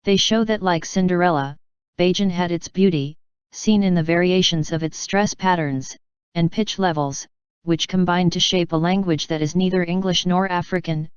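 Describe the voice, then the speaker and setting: A woman reading scripted educational narration in a measured, formal, explanatory way. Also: fairly low pitch, fairly even intonation, clean tone, no room sound, dull audio.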